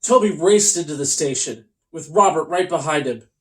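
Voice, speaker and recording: A host reads a funny children's storybook aloud with theatrical, mock-earnest flair and deliberate pauses. The voice is medium-pitched and animated, and the recording quality is low.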